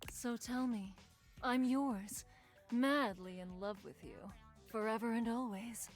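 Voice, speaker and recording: A woman voicing a lustful, doting female game character with a breathy, sultry delivery. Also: a little high, slow, soft background music.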